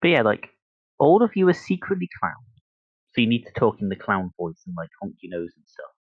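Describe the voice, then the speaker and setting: A man chats casually as a podcast host, his pitch swinging up and down in an animated way. He feels his way haltingly through his thoughts. The sound is close and dry but slightly dull. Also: slightly rough, no echo. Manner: halting, thinking aloud.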